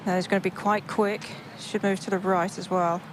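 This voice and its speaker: A woman's voice: medium pitch, level tone, moderate pace. A woman working as a golf commentator, giving analytical live commentary from an outdoor broadcast. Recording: outdoor broadcast with clear background noise.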